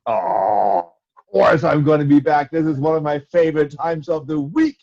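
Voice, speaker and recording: A man's voice: fairly high pitch, normal speed, darkish tone, muffled recording. A man co-hosting a children's show in a chatty presenting style.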